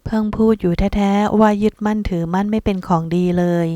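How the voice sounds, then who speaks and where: A woman reading as a calm, gently teasing monk. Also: mid-range voice, fairly quick, no echo, natural voice. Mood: gentle.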